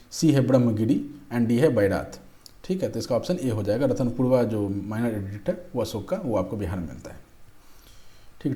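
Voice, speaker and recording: A man's voice: medium pitch, warm tone. A young man teaching exam-prep history, patiently reading out quiz options and answers. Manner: patient, repeats "ठीक है", reads options aloud. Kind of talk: explaining quiz questions.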